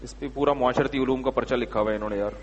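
A man's voice: mid-range voice, fairly even intonation, big-room sound, highs cut off, a little hiss or hum. A man giving religious answers to questions in an emphatic, rhetorical manner, sometimes scolding. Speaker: Islamic scholar answering questions. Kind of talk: religious Q&A talk.

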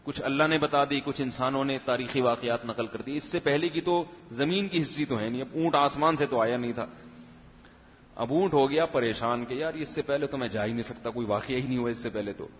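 A man's voice: mid-range voice, slight background noise. A man preaching a sermon in a conversational way, telling a parable and putting questions to his listeners. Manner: conversational, asks the audience questions. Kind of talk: sermon with storytelling. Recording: echoey hall, dull lo-fi sound.

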